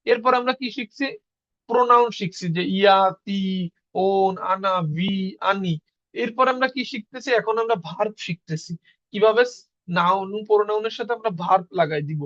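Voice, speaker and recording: A man with a fairly high voice leads an online class, explaining step by step. He poses questions to the class and then answers them himself. The audio is dull and lo-fi. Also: normal speed, a bit bright. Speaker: Russian language teacher.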